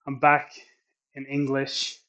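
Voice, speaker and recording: A Swedish man, speaking English, narrates his workout on camera in a reflective training vlog. He talks slowly and thoughtfully in halting phrases full of pauses and restarts, his pitch flat and even.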